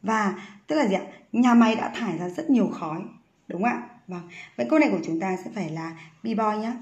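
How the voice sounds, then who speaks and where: A woman's voice: mid-range voice, animated, fast talker, darkish tone, echoey room, muffled recording. A woman English teacher going through an exercise, patiently asking many rhetorical questions.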